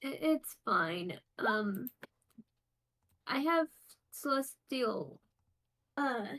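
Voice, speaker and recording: A woman's voice: a little high, very animated, extremely slow, fairly bright tone, poor audio. A woman playing a tabletop game, reading out abilities in a hesitant way with many restarts. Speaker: player. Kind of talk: tabletop role-play chat.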